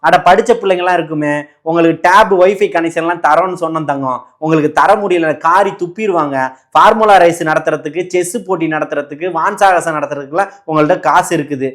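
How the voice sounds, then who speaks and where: A man's voice: a little high, a bit bright. A man arguing in a heated political debate, mocking and talking over his opponent. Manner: mocking, rapid-fire, interrupting.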